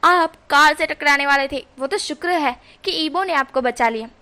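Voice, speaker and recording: A caring, easygoing young man who coaxes and reassures in a chatty flow, as a woman storyteller voices him. The voice is high and bright. It is part of a casual spoken story. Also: moderate pace. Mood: reassuring.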